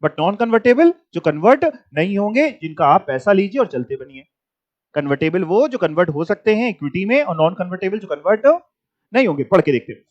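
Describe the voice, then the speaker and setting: High-voiced man explaining, dull lo-fi sound. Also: sing-song. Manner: reads English text slowly, then explains in Hindi with quick rhetorical questions. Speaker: teacher. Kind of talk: classroom lecture. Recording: dull lo-fi recording.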